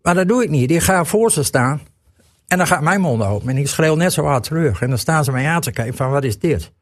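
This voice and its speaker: A man's voice: fairly high pitch, lively intonation, a little fast, dry recording, studio quality. A retired man in his sixties, an amateur football referee, chatting as a guest and stumbling over repeated words. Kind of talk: casual radio chat.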